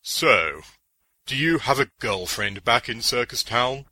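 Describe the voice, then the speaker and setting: Man playing a gruff terse archer, slow and husky, lowish. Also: expressive, pushed and bright, no echo, full character voice. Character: gruff, curt male archer traveler.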